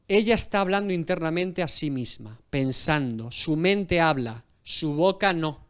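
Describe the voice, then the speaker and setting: A man with a fairly high voice preaching an expository sermon. He tells the story with animation and acts out the scenes as he goes. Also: lively intonation, a little slow, fairly bright tone, clear, resonant tone. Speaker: pastor.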